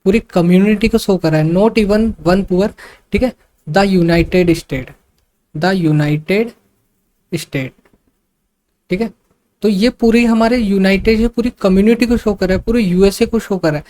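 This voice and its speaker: A man's voice: high-pitched, steady tone, warm tone, slight background noise. A man teaching an online exam-prep grammar lesson in a patient, repetitive way. He circles back to each point and keeps checking in with short fillers. English terms slip into his explanations. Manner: explains slowly, repeats points, frequent fillers like 'see' and 'okay'; mixes English terms into speech.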